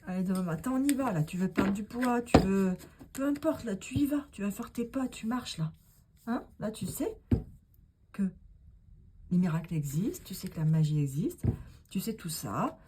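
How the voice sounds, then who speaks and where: A woman's voice: mid-range voice, lively intonation, moderate pace, background noise. A woman doing a casual tarot card reading, talking straight to the viewer in an encouraging, rambling way. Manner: rambling, with many fillers and asides.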